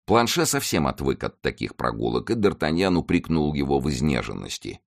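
A man narrating a classic adventure novel as an audiobook, measured and expressive. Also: extremely low pitch, creaky.

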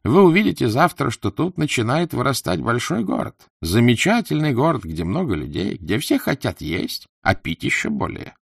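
A man's voice: medium pitch, big pitch swings, gravelly, breathy edge, dry recording, clean studio sound, pitched above the performer's own voice, heavily acted. A man voicing a plaintive, wheedling older male merchant held as a slave, sighing and complaining as he talks. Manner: whiny, sighing, fast-talking complaints.

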